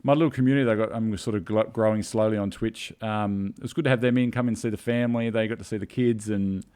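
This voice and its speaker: A man's voice: on the low side, steady tone, quick pace, a little mellow, clean tone. A man telling a story in a casual video chat, emotional and rambling, tearing up. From Australia. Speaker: co-host.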